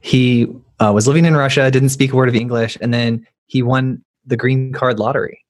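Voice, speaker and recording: A man's voice: mid-range voice, fairly even intonation, normal speed. A man hosting an interview, chatting casually and often saying "like". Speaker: interview host. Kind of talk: conversational interview.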